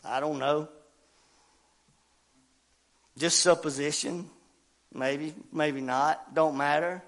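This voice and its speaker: An older man preaching a sermon in a folksy, animated way, dropping low and quiet, then rising to loud calls. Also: slow pace.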